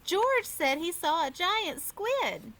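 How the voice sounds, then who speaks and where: A woman's voice: very high voice, sing-song, slow pace, creaky, a bit bright, voice pushed up, full character voice. A woman voicing a curious, chatty little girl in a storybook reading. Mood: eager. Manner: eager and questioning.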